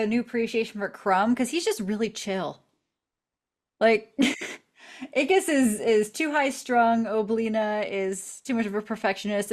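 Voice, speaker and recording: A woman in her thirties co-hosting a casual studio podcast, giggly and animated. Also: a little high. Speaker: podcast co-host. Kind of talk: casual chat.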